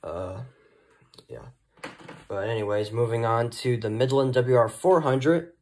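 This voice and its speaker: A hobbyist vlogger with a mid-range, gently mellow voice gives a loose, unscripted showcase of the weather radios he's gathered. He talks in stops and starts, hesitant and meandering.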